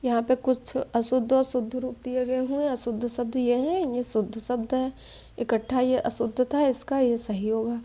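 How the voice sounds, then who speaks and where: Woman teacher, exam-prep spelling lesson, steady and explanatory, higher pitch, soft warm tone. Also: normal speed. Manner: steady explaining tone, mixes English quiz terms. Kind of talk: spelling quiz walkthrough lesson.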